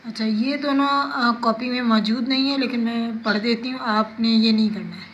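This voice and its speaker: A woman teacher reads a textbook lesson aloud to pupils, pronouncing English words slowly and deliberately. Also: a little high, steady tone, fairly bright tone, slight background noise. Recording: slightly dull lo-fi sound with faint ambience.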